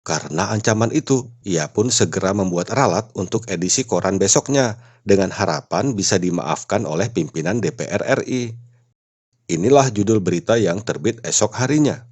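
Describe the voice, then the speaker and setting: A man narrating comic stories in a steady, plain storytelling voice. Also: deep voice, normal speed, slightly rough. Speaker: joke narrator.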